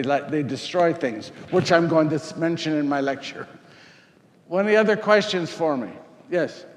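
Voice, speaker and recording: A man's voice: a little high, lightly acted. A man playing Saint Luke as an earnest Greek physician, speaking in character and answering audience questions in a rambling, repetitive way. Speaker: costumed presenter. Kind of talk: first-person character talk with audience. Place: parish hall before an audience. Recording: echoey hall, faint noise.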